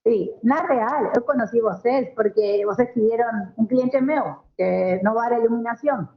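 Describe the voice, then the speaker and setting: This fairly high-pitched woman talks at a moderate pace, and the recording is lo-fi with a roomy feel. She's an Argentine marketing professional on as a guest, chatting informally in native Spanish with an Argentine accent while slipping Portuguese into the mix.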